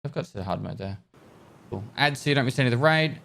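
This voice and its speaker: An Australian gaming streamer chats casually over a headset mic while playing, thanking viewers and trailing off with hesitations. He talks fast in an expressive, mid-range voice that's gravelly and a bit bright.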